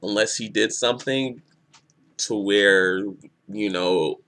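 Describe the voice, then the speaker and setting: A man giving a casual spoken review of a comic chapter, excitable and rambling, often restarting his sentences. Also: on the low side, takes it slowly. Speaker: manga reviewer.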